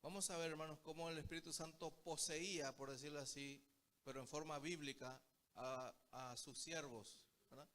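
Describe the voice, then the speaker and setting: A man's voice: fairly high pitch, steady tone, moderate pace, a bit bright. A man preaching a Bible study sermon, telling stories and often calling his listeners brothers. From Paraguay. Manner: storytelling, keeps addressing the listeners as brothers.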